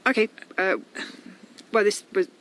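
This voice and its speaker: A woman's voice: medium pitch, measured pace, fairly bright tone, slight background noise, natural voice. An actress playing a guarded, curt young mother who pushes back at an interfering man. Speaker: Pip, a mother. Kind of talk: radio drama acting.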